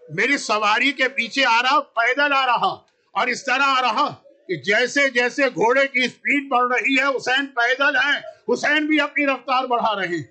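A man preaches a mourning sermon, building his tale in short, rhythmic, emotional phrases. His voice sits very high and rings sharply bright.

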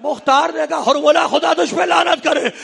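A man delivering an impassioned mourning sermon, half chanting and crying out in sing-song wails that rise to shouts. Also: extremely high pitch, fairly even intonation, creaky. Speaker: preacher reciting a mourning sermon. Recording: long hall reverb with faint crowd.

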